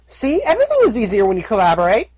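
A shrill frantic young pony filly. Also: male voice, wildly swooping pitch, quick pace, no echo, full character voice. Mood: chirpy. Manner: high shrill pleading, often shouting. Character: small frantic pony filly, childlike and stubborn.

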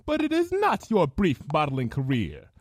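A woman's voice: sits low, wildly swooping pitch, moderate pace, slightly rough, dry recording, pitched above the performer's own voice, exaggerated voice. A woman voicing a cruel, vain female unicorn pony with an affected posh drawl. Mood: cold, haughty.

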